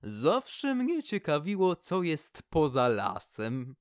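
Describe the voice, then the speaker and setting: A man's voice: wildly swooping pitch, no room sound, clean studio sound, heavily acted. A man doing a dreamy wandering poplar tree. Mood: wistful. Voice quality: high, wistful, slow. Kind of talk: storybook character voice.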